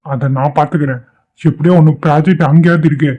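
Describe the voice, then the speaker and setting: A man voicing a supportive young colleague in a cartoon who calms his friend down. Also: a little high, fast, lightly acted. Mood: reassuring. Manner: calming, supportive. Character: reassuring young office colleague. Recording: dull lo-fi cartoon audio.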